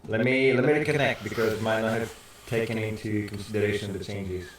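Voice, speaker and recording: A man's voice: fairly low pitch, steady tone, brisk, a little hiss or hum. A man co-hosting a casual talk show. His voice sounds hollow and boxed in, as if he is talking through a tube, and he explains things in a chatty way with frequent restarts. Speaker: co-host. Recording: very echoey, distant mic.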